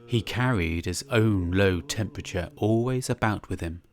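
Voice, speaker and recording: Inside a church, a male reader with a low-pitched voice gives a live dramatic reading of a classic tale at normal speed. His delivery is theatrical, savouring each descriptive word.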